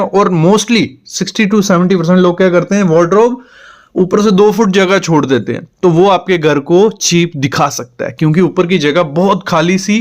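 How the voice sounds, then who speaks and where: A man giving direct, practical advice on interior design to the viewer in an instructional explainer. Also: high-pitched.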